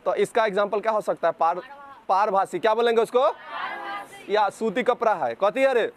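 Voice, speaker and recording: A man's voice: high-pitched, moderate pace, a faint crowd, slight background noise. A male physics teacher with a Bihari accent, lecturing a class and firing repeated questions at the students, sometimes scolding them.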